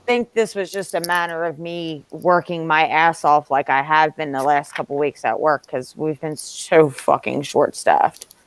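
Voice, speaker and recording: A woman's voice: sits low, steady tone, measured pace, smooth. A young woman chatting casually on a late-night video call, rambling, searching for words and swearing offhand. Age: young adult. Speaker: livestream co-host. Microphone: computer mic.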